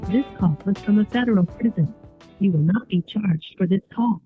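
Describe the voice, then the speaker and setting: A woman's pre-recorded automated prison phone system announcement, heard over a phone line and spoken in flat, formal prompts. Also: medium pitch, moderate pace. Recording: tinny, husky phone line with faint music.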